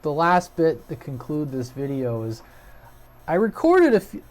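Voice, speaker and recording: Speaking into a desk-mounted USB webcam, this hobby channel host gives viewers a loose, unscripted update, wandering a little as he thinks out loud. His voice is slightly high and darkish, a touch slow, with huge swings in pitch.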